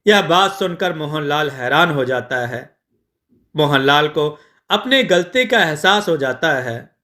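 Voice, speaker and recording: A man narrating a moral folk tale in a measured storytelling style. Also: a little high, lively intonation, pushed and bright.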